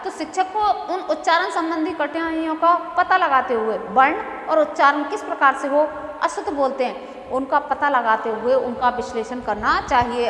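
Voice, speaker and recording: A woman giving a lecture to teacher trainees, explaining slowly and repeating key phrases. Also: sits high, fairly bright tone. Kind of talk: classroom lecture. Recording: echoey hall with faint noise.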